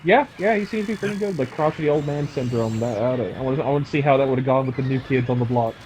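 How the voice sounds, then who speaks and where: Wisecracking male stream guest, mid-pitched, ribs the host casually. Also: a little mellow, slight background noise. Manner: joking, teasing, quick with banter. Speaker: guest gaming YouTuber. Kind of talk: casual chat on a game stream.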